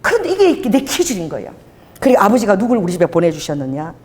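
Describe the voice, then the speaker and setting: Animated woman preaching in a reverberant church. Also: medium pitch, quick pace. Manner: animated, conversational storytelling preaching. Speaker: pastor. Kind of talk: sermon. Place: church hall.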